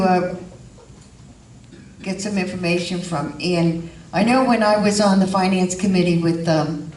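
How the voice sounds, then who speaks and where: A woman giving halting, explanatory informal remarks at a community board meeting. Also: fairly low pitch, darkish tone. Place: indoor meeting room, far from mic. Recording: distant, echoey room with faint noise.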